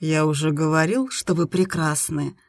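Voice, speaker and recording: A calm, self-assured man speaking softly and coaxingly, his voice set a touch lower and quieter than the narration, as a female reader acts him out. The sound is husky and close, with a dry recording. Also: moderate pace, dry recording. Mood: gentle. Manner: soft and coaxing. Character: calm, confident adult man, gentle lover.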